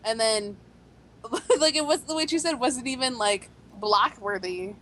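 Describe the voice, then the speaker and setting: High-voiced teasing woman co-host. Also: a little slow, a bit bright, a little hiss or hum, low-quality recording. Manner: teasing, chatty. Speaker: podcast co-host. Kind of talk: casual chat.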